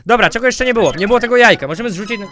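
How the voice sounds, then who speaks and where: A man giving jokey let's-play commentary, goofing around with silly name twists and sudden loud outbursts. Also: high voice, very fast, faint music behind. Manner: goofy, jokey, mispronouncing names on purpose, bursts of loud outbursts. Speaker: gaming YouTuber.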